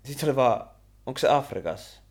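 A young man, co-hosting a podcast and telling stories in an animated, slangy casual chat. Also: medium pitch. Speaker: podcast co-host.

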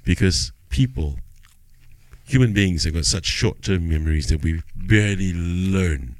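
A man's voice: low voice, measured pace, no room sound. A middle-aged Singaporean man hosting a casual conversation, speaking colloquial English with a Singlish flavour. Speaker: podcast host.

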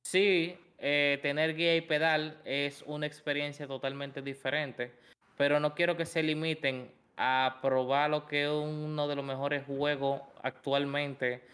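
A Dominican man talks casually on a gaming podcast as one of the panel. His voice sits a little high and comes through smooth and clean. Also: flat delivery, unhurried, a bit bright.

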